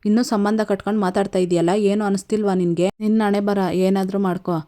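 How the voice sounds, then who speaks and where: A woman's voice: mid-range voice, steady tone, fairly quick, mellow, close to an everyday voice. A woman voicing a spiteful, contemptuous matriarch in her own plain voice. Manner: contemptuous, harsh. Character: spiteful haughty woman, cruel mother-in-law type.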